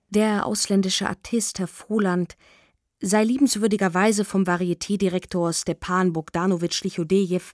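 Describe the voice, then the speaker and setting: Expressive woman narrating a novel. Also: mid-range voice, no echo, clean studio sound. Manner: measured, expressive storytelling. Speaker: audiobook reader. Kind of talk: scripted narration.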